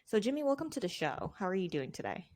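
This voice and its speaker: A woman's voice: medium pitch, very animated, quick pace, darkish tone. A young woman hosting a podcast interview, chatty and casual, with lots of fillers. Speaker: podcast host.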